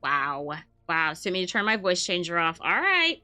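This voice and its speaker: A man streaming a game through a voice changer that makes him sound like a woman, excitable and swearing as he plays. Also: sits high, brisk, soft background music, heavily acted. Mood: playful. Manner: excitable, swears often, talks to himself while playing. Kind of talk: casual live-stream chatter.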